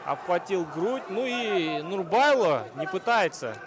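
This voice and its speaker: A man commentating live on an MMA bout like a wrestling commentator, moving between analysis and excitable calls. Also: sits high, unhurried. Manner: analytical play-by-play. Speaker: fight commentator. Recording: loud crowd and arena noise behind. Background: arena crowd.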